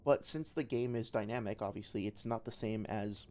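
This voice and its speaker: Playing a game live, a man gives casual commentary at a normal speed in a fairly low, dark-toned voice. His thoughtful, analytical asides sound like a developer's, and background noise is clearly audible.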